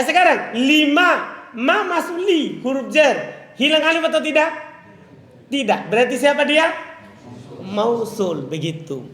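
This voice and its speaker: A male teacher with a very high voice gives a live grammar lecture. He recites Arabic phrases slowly and keeps asking his listeners questions, then answers them himself. The room is echoey, and a long reverb hangs after his words. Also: a bit bright.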